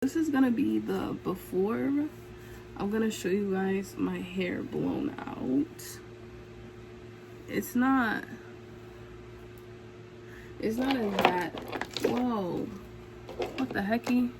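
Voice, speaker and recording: A young woman chatting casually to camera as a vlogger, with a bubbly, gushing sorority-girl manner and drawn-out emphasis, recorded at home. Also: mid-range voice, expressive, gravelly, poor audio. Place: indoors in a room at home. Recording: home recording with background noise.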